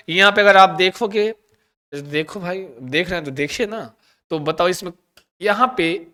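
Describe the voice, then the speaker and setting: A man teaching an exam-prep grammar lesson in a high, clear, smooth voice. He keeps asking the class questions, answers them himself, and repeats the key sounds over and over. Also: bright, forceful tone.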